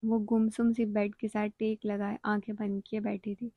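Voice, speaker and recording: Woman reading a novel in a flat voice. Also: medium pitch, dry recording, narrow, tinny audio. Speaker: narrator. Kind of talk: scripted narration of a novel.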